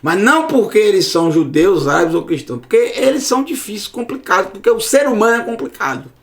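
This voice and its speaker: A man's voice: sits high, big pitch swings, fast talker, creaky. A man giving a casual online Hebrew lesson, repeating words to drill their sound. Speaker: Hebrew teacher.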